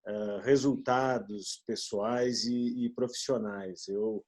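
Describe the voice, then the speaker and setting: A man in his forties from southern Brazil speaks haltingly in a video meeting, stopping often on fillers. His voice sits at a middling pitch, dark and mellow in tone, with a husky edge. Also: fairly even intonation. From Rio Grande do Sul, Brazil. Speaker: business partner.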